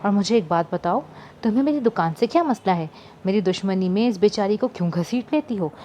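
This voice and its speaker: A woman's voice: mid-range voice, animated, brisk, darkish tone, slight background noise, natural voice. A woman voicing a wry teasing young shopkeeper. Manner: wry, mock-offended banter.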